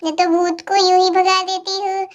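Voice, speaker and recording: Brief: a woman doing a jumpy village aunt in a doll story, very high voice, defensive and boastful. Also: flat delivery, moderate pace, dull audio, faint music behind. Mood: flustered. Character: flustered village aunt doll, easily scared. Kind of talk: doll story role-play.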